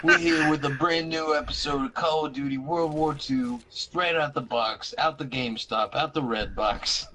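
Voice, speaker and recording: A man doing a loud, brash streamer bro. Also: a little high, moderate pace, hardly any pauses, noisy background, pitched above the performer's own voice, lightly acted. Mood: hyped. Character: overhyped young male gaming streamer.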